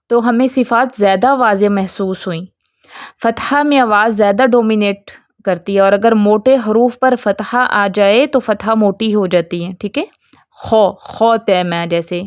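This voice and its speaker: A woman with a Pakistani Urdu accent teaching Quranic pronunciation, stretching out model syllables slowly and often checking if students follow. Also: fairly high pitch, no echo, clean studio sound. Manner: patient, drawn-out model syllables, frequent "theek hai?" checks. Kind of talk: tajweed pronunciation lesson.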